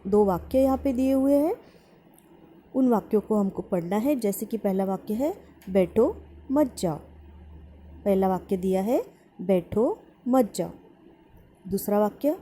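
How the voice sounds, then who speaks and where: A woman teacher giving a grammar lesson to students, explaining patiently and slowly repeating example sentences. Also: on the high side, mellow, slight background noise.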